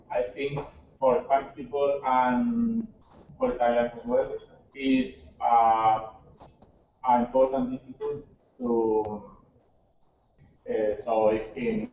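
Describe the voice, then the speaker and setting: A man works slowly through his point in hesitant English, pausing with "uh" and restarting. He sounds far from the mic in a large echoing hall, thin and phone-like with faint hiss. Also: mid-range voice. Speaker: exam candidate. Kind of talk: halting non-native speech. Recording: distant, tinny, echoey hall with faint noise.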